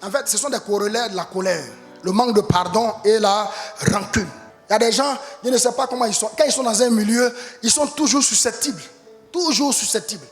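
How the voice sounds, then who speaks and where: Male pastor, fiery shouting sermon, high pitch, long church reverb. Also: fairly quick, faint music behind. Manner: impassioned preaching, rising to shouts.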